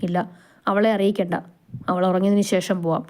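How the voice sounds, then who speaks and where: A protective young husband in a storybook romance, soothing and earnest, his mellow voice staying close to an everyday tone, as a woman narrator voices him. He reassures and explains with steady care. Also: medium pitch, fairly quick, slight background noise, lightly acted. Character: young man, protective and tender groom.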